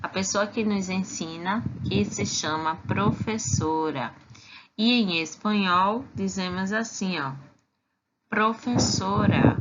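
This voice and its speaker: A woman teaching a recorded lesson for preschool children, patient and clear, saying each word twice. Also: lowish voice. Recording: dull lo-fi recording with clear background noise.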